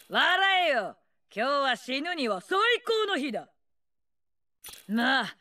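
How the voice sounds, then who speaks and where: An older, bloodthirsty female warlord voiced for video game lines, performed as a full character voice. Her high, bright, forceful voice swoops widely as she taunts, snarling rough slang in a brash, mocking, gleefully menacing way.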